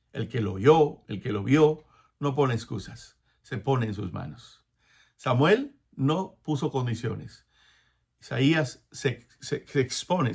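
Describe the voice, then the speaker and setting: A male preacher delivers an animated sermon at a middle pitch. He acts out biblical dialogue, often dropping into soft, prayerful asides, and laughs now and then between phrases.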